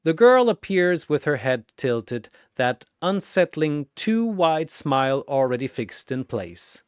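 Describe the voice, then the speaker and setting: Slow and sing-song, this clear, resonant voice belongs to a narrator and arena announcer recounting a scripted battle with theatrical drama. Booming announcements give way to hushed storytelling, all recorded at studio quality without echo.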